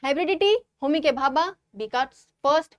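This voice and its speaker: A woman teacher with an Indian accent, explaining exam questions in an online lesson and reading English quotations slowly and deliberately. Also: high voice, dry recording, studio quality. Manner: switches between English and Hindi, reads English quotes slowly and deliberately.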